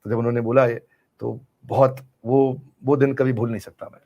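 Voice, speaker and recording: A man's voice: mid-range voice, flat delivery, moderate pace, gravelly, warm tone, lo-fi sound. A middle-aged man answers interview questions with earnest conviction. He speaks in a mid-range voice and drives his points home by repeating phrases. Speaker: business coach being interviewed.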